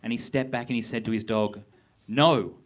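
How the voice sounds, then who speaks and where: A young man doing a stand-up set on a theatre stage, with a deadpan, awkward, self-deprecating delivery. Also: on the low side, fast, noisy background. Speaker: stand-up comedian. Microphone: handheld stage mic. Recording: live theatre with crowd laughter. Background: audience laughter.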